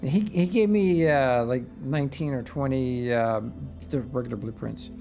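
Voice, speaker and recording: A man's voice: mid-range voice, normal speed, vocal fry, mellow, soft background music. A man hosting a game livestream, chatting eagerly and trailing off with fillers as he sails around. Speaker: streamer host. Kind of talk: casual livestream chat.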